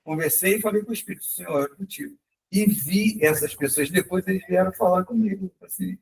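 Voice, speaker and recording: A man's voice: high-pitched, fairly quick, vocal fry. A man with a Brazilian accent shares a casual testimony at a church meeting, with lots of fillers. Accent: Brazilian Portuguese. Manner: casual, filler-heavy, says cara often. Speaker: church group member giving a testimony. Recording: voice from far off the mic.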